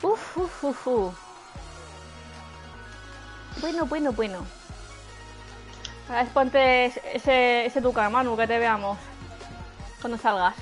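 Woman streaming a game, high voice, cheers and groans a lot, music in the background. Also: slow pace, long pauses. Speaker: gamer streamer. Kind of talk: casual gameplay chat with friend.

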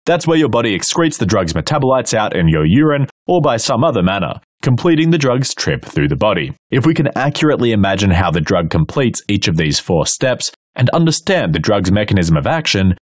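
A man's voice: lowish voice, very animated, fairly quick, hardly any pauses, no room sound, clean studio sound. A man narrating a scripted educational explainer with playful, wry asides. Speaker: host and narrator.

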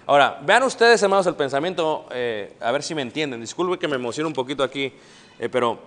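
A middle-aged man with a Mexican Spanish accent preaches a sermon in a church hall, his mid-range voice moving briskly. He is animated, putting questions to the congregation and acting out the people he quotes, and the recording carries the hall's long reverb.

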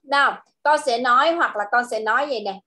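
Vietnamese-accented woman, English tutor on a video call, high bright voice, patient drilling of words. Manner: slow, drawn-out model phrases, switching to Vietnamese explanations. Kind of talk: online English lesson for a child.

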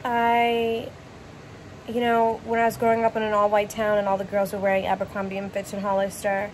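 A woman in her thirties gives a casual, reflective vlog monologue at an average pitch. She is recorded on a phone at arm's length in a bedroom, with slight noise in the background. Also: completely flat delivery, brisk, low-quality recording. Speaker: vlogger. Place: bedroom at home.

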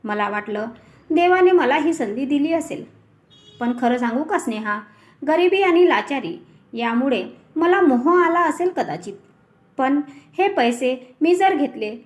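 A worried, honest office clerk who talks in hushed, torn tones, as a woman storyteller puts him on. The voice sits high and bright. It is read as part of a storybook tale. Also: expressive, measured pace. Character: struggling honest middle-class male clerk, anxious.

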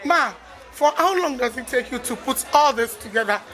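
A Nigerian woman presenting live from a busy event, excited and gushing with praise as she interviews guests. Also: high voice, normal speed, a faint crowd. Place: busy salon during a launch event.

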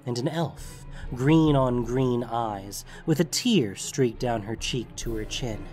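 A man narrates a fantasy tale in a mid-pitched voice, with faint music underneath. His storytelling is dramatic but steady. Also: slow.

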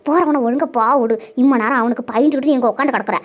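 A bossy, nosy village auntie. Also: female voice, high voice, very fast. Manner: bossy, scolding. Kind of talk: cartoon voice acting. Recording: dull lo-fi sound.

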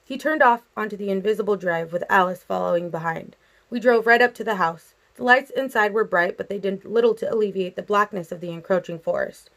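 Woman reading a novel aloud, steady. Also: medium pitch, brisk. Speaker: audiobook reader.

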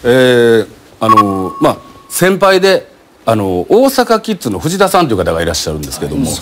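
A man's voice: medium pitch, brisk, background noise. A man with a Kansai accent telling a comic anecdote on a variety show, acting out the people in the story. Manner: animated, acts out the characters in the story. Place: TV studio with an audience. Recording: loud studio audience laughter.

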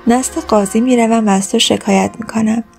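A woman voicing an angry, impatient stingy man who shouts his demands. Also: fairly high pitch, steady tone, gravelly, soft background music.

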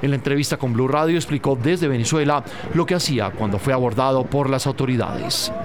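A man reading a scripted news report in a brisk, even delivery. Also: mid-range voice. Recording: crowd noise behind.

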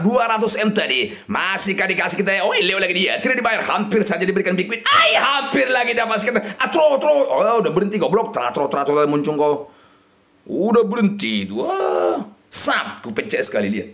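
Gravelly man yelling at slot reels. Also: high voice, big pitch swings, a little fast. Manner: shouting and chanting at the reels, swinging between yelling and mutters. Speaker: slot game streamer. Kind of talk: excited live slot-game commentary.

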